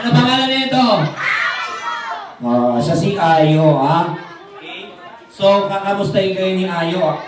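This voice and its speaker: A man hosting a children's party as a ventriloquist, teasing his puppet in a high, unhurried voice. He is heard from a distance in a big echoey hall full of noisy kids. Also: expressive. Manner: playful, scolding his puppet. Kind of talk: live comedy show for kids. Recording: echoey hall, far mic, noisy crowd.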